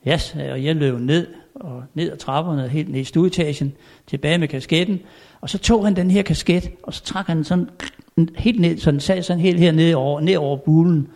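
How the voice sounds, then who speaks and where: Older man with a fairly high voice. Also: creaky, a little mellow. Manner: chuckles often, chatty with fillers. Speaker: storyteller. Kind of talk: anecdotal storytelling.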